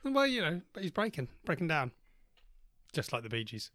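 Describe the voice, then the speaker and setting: A man's voice: a little high, huge pitch swings, normal speed, bright, forceful tone, no room sound. Sex: man. Role: podcast host. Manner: easygoing, rambling banter. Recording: dry, close.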